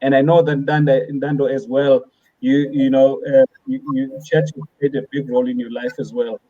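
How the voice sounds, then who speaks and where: A man hosting a podcast, affirming what his guests say and gently guiding the conversation. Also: mid-range voice, little pitch movement, normal speed, distant mic, muffled recording. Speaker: podcast host. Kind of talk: interviewing.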